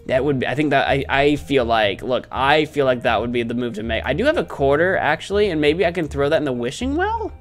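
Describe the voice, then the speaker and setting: Man, thirties, lively pitch, goofy gaming host, musing aloud, close mic, faint music. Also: a little fast, hardly any pauses. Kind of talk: playful let's play commentary. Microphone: close desk microphone on webcam stream. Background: faint game music.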